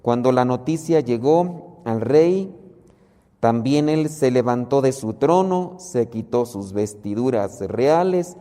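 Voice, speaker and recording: A man preaching a sermon, explaining a Bible reading slowly and carefully. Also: medium pitch, warm tone, long reverb tail. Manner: slow, measured explaining of scripture.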